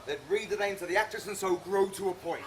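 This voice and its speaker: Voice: medium pitch, fairly even intonation, fast, a little hiss or hum, natural voice. A performer reading a boastful tradesman who wants to play every part, in a comic play reading. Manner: grandiose and theatrical. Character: boastful male weaver hungry for every part.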